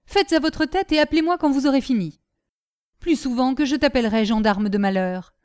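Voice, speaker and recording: A woman reader voicing a grumbling, quarrelsome old woman servant who scolds without pause. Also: high voice, sing-song, a little mellow, voice pushed up. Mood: scolding. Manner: scolding, quarrelsome, quick retorts.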